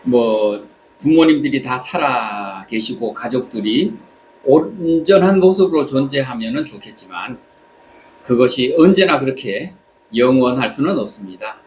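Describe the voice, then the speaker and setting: A man from South Korea speaking a reflective personal monologue, haltingly, pausing between short phrases. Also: medium pitch, lively intonation, a little mellow, poor audio. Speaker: vlogger. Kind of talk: reflective spoken monologue while travelling. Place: on holiday in Southeast Asia. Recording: clear background ambient noise.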